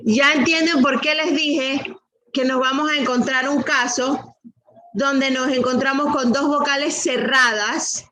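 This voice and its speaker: A middle-aged woman teaching a class, speaking slowly and patiently and repeating rules and questions to her students. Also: sits high, fairly even intonation, bright, forceful tone, slight background noise, poor audio. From Latin America. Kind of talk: online class lesson.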